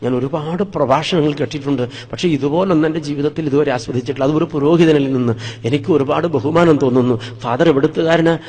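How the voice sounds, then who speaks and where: A man's voice: on the high side, quick pace, a little mellow, natural voice. A man doing an astonished old teacher. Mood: admiring. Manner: polite, admiring, rising into surprise. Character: older male schoolteacher, courteous and astonished.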